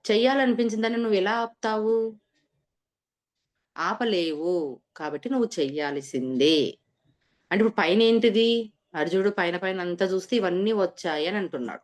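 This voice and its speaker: A woman's voice: medium pitch, normal speed, long pauses. A woman teaching a scripture lesson, explaining each verse and posing rhetorical questions to her listeners. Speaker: spiritual teacher.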